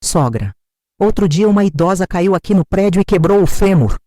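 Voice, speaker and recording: A woman's voice: on the low side, lively intonation, moderate pace, mellow, dry recording, clean studio sound, close to an everyday voice. A woman voicing a scornful young daughter-in-law who mocks with false, sugary concern. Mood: needling. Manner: mocking, falsely caring.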